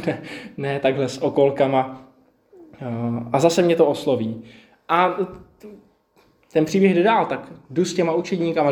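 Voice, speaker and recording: A man's voice: fairly high pitch, darkish tone. A man preaching a personal, reflective sermon with a slightly raised voice. He talks conversationally and acts out his own inner dialogue. The room echoes around him.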